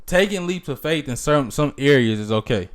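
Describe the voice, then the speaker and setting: A man's voice: medium pitch, expressive, moderate pace. A young man co-hosting a podcast in casual chat, emphatic and teasing, leaning on catchphrases like "you feel me". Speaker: podcast co-host.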